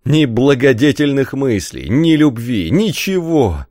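A man reading aloud voices a tormented, volatile young man who breaks into strained shouting. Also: fairly low pitch, big pitch swings, normal speed, no room sound, studio quality. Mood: anguished. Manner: outbursts of raised, strained shouting.

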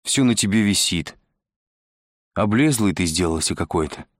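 A man's voice: sits low, lively intonation, moderate pace, no room sound, clean studio sound. A man doing a pitying, homely woman. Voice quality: gentle, pitying. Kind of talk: audiobook character reading.

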